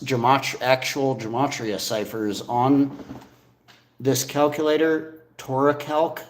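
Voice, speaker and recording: A man in a casual livestream debate, talking informally and argumentatively, his voice echoing as if in a tunnel. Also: mid-range voice. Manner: informal, swearing, rambling argumentative talk. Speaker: streamer. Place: echoey indoor space. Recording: echoing room.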